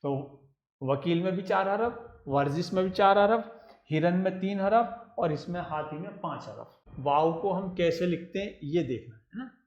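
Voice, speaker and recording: A man's voice: high-pitched, lively intonation, a little slow, a little mellow, highs cut off. A man teaching a children's writing lesson, patiently spelling out letters one by one and repeating each step. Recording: roomy echo.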